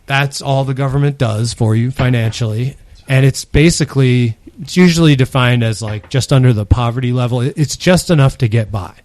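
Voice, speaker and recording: A man's voice: medium pitch, brisk, darkish tone. A man co-hosting a podcast, casually explaining an idea at length with easy laughs. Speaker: podcast co-host. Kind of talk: casual chat.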